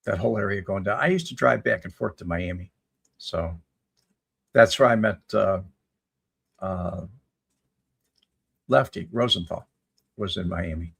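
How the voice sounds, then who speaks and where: A man in his seventies with a low, gravelly, husky voice chats casually on a livestream. He reads out viewer comments and answers them in a rambling, folksy way. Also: unhurried, long pauses, a bit bright. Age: 70s. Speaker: livestream host answering chat. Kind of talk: casual live chat reading viewer comments.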